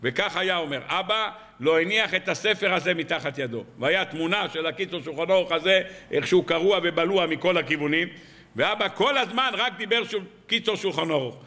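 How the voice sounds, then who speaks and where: Bright-voiced rabbi telling sermon stories. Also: male voice, high-pitched, animated, long reverb tail. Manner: tells anecdotes and fires rhetorical questions. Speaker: rabbi giving a weekly sermon. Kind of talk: storytelling sermon on the weekly Torah portion. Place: evening lecture hall.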